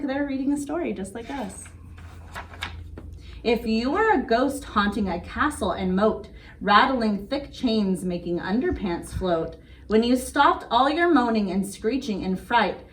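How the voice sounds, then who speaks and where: A woman with a fairly high, lively voice speaks a little slowly as she runs story time and crafts for young children, keeping her words simple and sing-song. She reads a picture book aloud and demonstrates a craft. The recording is noisy and the microphone sits far away.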